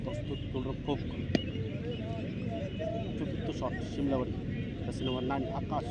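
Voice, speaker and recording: A man's voice: medium pitch, little pitch movement, normal speed. A man giving frantic live football commentary outdoors in short, urgent calls. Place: outdoors at a local football ground. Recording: noisy outdoor field with traffic ambience.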